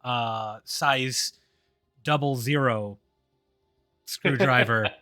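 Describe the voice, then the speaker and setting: A man's voice: medium pitch, drawn-out words, bright, forceful tone, clear, resonant tone, dry recording, clean studio sound, soft background music. A man streaming a game, chatting casually and ranting sardonically. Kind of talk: casual gaming stream chat.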